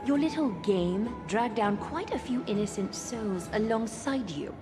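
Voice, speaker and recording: A woman's voice: on the high side, animated, measured pace. A scornful, refined young lady. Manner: scornful, lofty. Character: disdainful refined young woman, scolding. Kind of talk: scripted video game voice acting. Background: game music.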